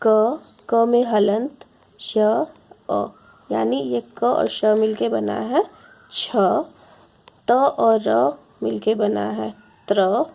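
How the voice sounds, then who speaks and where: Slow, deliberate Hindi teacher woman. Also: fairly high pitch, creaky, dark tone. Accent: Indian Hindi. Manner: slow, deliberate, repeats examples. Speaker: school teacher. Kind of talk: grammar lesson explaining slides.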